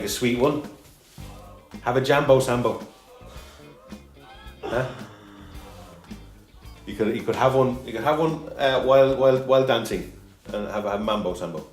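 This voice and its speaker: A man's voice: mid-range voice, echoey room. A man hosting a casual cooking show, joking and rambling as he cooks.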